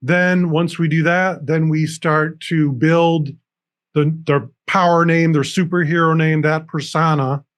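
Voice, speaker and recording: An earnest man whose voice sits a little higher than most men's, explaining his methods step by step and restarting his sentences often. He speaks as an interview guest over a video call. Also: steady tone, a little slow. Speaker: recovery coach guest. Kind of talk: interview on a TV show. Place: room with dragon decorations behind him.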